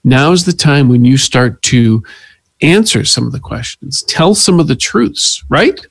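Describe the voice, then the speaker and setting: A man playing a tabletop role-playing game, speaking in character in a pushy, interrogating way with halting restarts. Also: mid-range voice, expressive, gravelly, no echo. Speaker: player.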